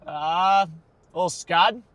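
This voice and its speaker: Casual American male storm chaser on a livestream in a vehicle, voice on the higher side. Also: slow pace, a bit bright, no echo. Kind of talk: casual livestream chat while storm chasing. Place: inside a vehicle.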